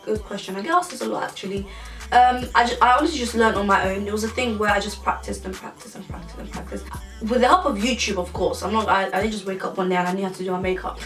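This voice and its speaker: A woman's voice: mid-range voice, quick pace, fairly bright tone, far from the mic. A woman, chatting casually through a Q&A for her vlog, rambling with many restarts. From England. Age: 20s. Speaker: YouTuber. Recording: echoey room, voice a bit off-mic, music behind.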